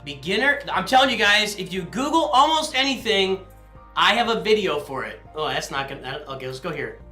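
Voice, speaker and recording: Bright-voiced man streaming in an echoey room. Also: sits high, big pitch swings, fairly quick. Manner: rambling, apologetic, answers chat questions aloud. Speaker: livestream host and guild leader. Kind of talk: casual live-stream chat with viewers. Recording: echoey room with faint music.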